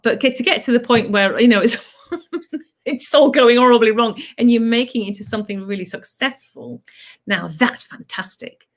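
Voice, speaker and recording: A middle-aged woman who teaches clowning, telling stories in a chatty, animated way. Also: medium pitch. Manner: chatty, animated storytelling with playful asides. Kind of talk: casual chat.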